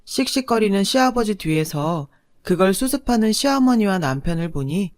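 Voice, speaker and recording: A woman's voice: medium pitch, animated, moderate pace, a little mellow, dry recording, clean studio sound. Frank woman narrating a family story. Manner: blunt, frank recounting. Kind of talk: first-person story narration.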